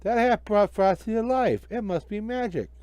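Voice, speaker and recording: Man doing high-voiced excited little schoolchildren. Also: normal speed, dry recording. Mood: protesting. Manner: eager, pleading. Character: excited, earnest, innocent young schoolchildren.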